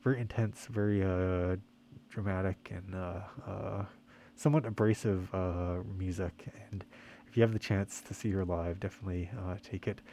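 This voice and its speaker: A man hosting a music radio show in a casual, halting, quiet way, slightly muffled by the mask he is speaking through. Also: deep voice, fairly even intonation. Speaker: radio host and DJ. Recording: faint background noise, muffled by mask.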